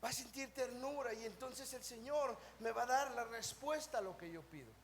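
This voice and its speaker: A Mexican man preaching a sermon at a live church service, asking the congregation questions and answering them himself, sometimes mimicking whiny prayers in a soft mocking voice. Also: very high voice, moderate pace. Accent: Mexican Spanish. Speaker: pastor. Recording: live church service with faint background noise.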